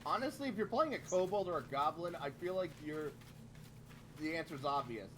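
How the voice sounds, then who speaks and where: A man with a lively, swinging voice, excitable and swearing freely as he chats about his game character. There is clear background noise on his line. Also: fairly high pitch, moderate pace. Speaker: player. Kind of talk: casual chat over voice call.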